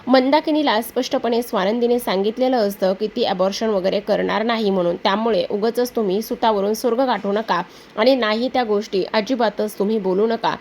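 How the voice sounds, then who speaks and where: A woman retelling a TV serial episode scene by scene, reading out each character's lines in the same steady voice. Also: fairly high pitch, a little fast, slight background noise. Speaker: serial recap narrator.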